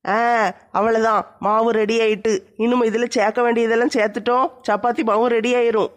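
A woman's voice: a little high, level tone, a little fast, voice pushed down, lightly acted. A woman plays a scheming young daughter-in-law who grumbles about her mother-in-law. She chatters like a mock cooking-show host. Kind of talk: comedy skit.

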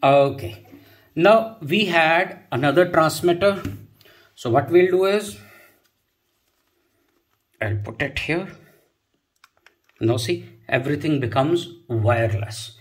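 A North Indian tech vlogger gives a casual product demo to camera from a room at home, his voice on the high side and animated, slow, with long pauses. He repeats phrases and ends sentences with "okay." His wireless lavalier is partly heard through a speaker, so the recording sounds roomy, echoey, and distant, with music behind.

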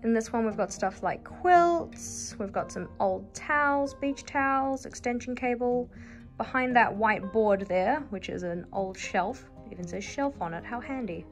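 A woman's voice: fairly high pitch, animated, a little slow. Young nz woman doing a chatty house tour vlog on her phone, dry little jokes, faint music behind. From New Zealand. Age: young adult. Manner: chatty, wry asides. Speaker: vlogger. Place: house, indoors, moving room to room. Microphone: phone held at arm's length.

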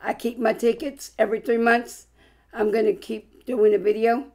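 A woman hosts a casual vlog, her hoarse, congested voice sitting a little high and full of gravelly fry. She chats in an upbeat way and often breaks into excited exclamations. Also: normal speed. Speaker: lottery scratch-ticket channel host.

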